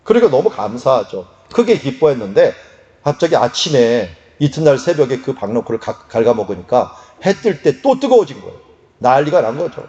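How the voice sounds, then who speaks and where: A man preaching a sermon in a conversational, lively way, sometimes acting out quotes. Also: mid-range voice, fairly quick, highs cut off. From Korea. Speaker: pastor.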